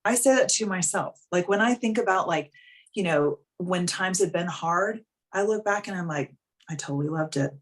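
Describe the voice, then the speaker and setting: A woman's voice: medium pitch, normal speed. A woman in her thirties, a life coach talking frankly and casually on a live coaching call, full of "like" and the odd swear word.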